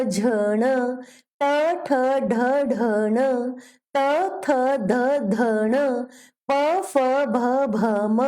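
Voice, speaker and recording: A woman teacher gives a children's phonics lesson in a high, clear voice. She reads word lists very slowly, one word at a time, leaning on each sound so the children can hear the difference. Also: a little mellow.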